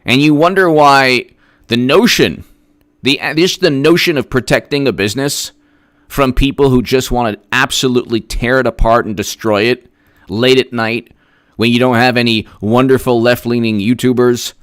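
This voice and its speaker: A man's voice: medium pitch, normal speed, a bit bright, no echo, studio quality. A man hosting a political commentary livestream, sarcastic and emphatic as he rattles off statistics and thanks viewers for their messages. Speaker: host.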